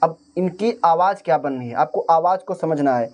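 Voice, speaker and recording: A man's voice: a little high, moderate pace, a little mellow. A man teaching harmonium in a casual spoken lesson, explaining step by step and singing short phrases to show each note. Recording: faint harmonium music behind. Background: harmonium playing.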